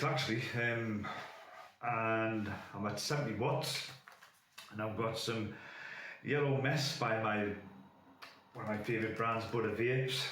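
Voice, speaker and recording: This man's voice is lowish and a bit bright, thickened by a chesty cold. As a vape reviewer, he gives a casual hands-on demo of his gear and rambles, filling gaps with plenty of fillers. Faint noise sits under the echoey room sound.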